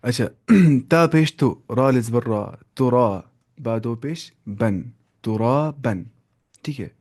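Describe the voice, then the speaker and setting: A man's voice: medium pitch, a little mellow. Man teaching Quran reading, letter by letter. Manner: spells out letters and vowel marks slowly, then blends them; asks and answers his own questions, checks understanding. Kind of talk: live online Quran reading lesson.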